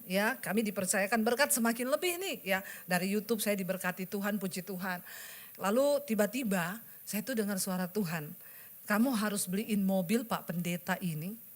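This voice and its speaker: A woman's voice: a little high, a bit bright. A woman pastor preaching a sermon, telling a personal story and acting out the dialogue while speaking straight to her congregation. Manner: addresses the congregation directly.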